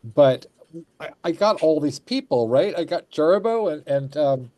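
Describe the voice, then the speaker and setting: A man's voice: fairly high pitch, expressive, a little slow, dark tone, no echo. A man hosting a casual chat, effusive and rambling, often repeating his phrases. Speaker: show host.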